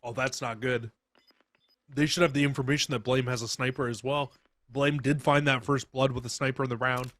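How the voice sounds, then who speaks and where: A man's voice: medium pitch, fairly even intonation, a little fast, fairly bright tone, no echo. A man giving live esports commentary and analysis as a caster, emphatic and opinionated, stressing points by repetition.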